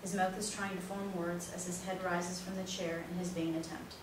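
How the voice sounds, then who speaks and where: A woman with a lowish voice reads a play's stage directions as scripted narration, keeping a level tone and moderate pace. The room recording sounds very echoey, distant and noisy.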